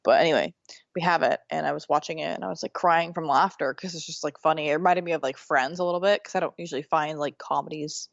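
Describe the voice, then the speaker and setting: A woman chatting casually on a podcast, talkative and quick to laugh, often leaving sentences unfinished. Her voice sits a little low. The recording is dry and slightly muffled. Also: fairly even intonation, gravelly, no echo. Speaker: podcast co-host. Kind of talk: casual chat.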